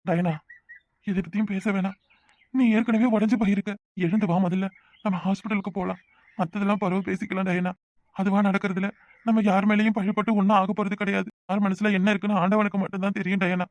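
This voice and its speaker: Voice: medium pitch, level tone, a little fast, dry recording, close to an everyday voice. Someone doing an anxious young cartoon husband. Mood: soothing. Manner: pleading, anxious, gentle. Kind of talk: Tamil village cartoon voice acting.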